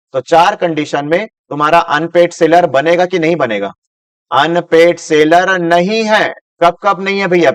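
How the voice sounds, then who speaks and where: Man, commerce tutor, fairly high voice, lecture style, questions to students, everyday examples, Hindi mixed with read-out English. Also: clear, resonant tone. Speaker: commerce teacher. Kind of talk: classroom lecture.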